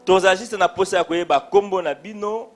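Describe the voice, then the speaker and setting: Pastor, male, slightly high voice, rhythmic declamatory calls from the pulpit, soft music behind. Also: normal speed. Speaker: pastor welcoming the congregation. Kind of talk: church welcome, calling and blessing. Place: church hall.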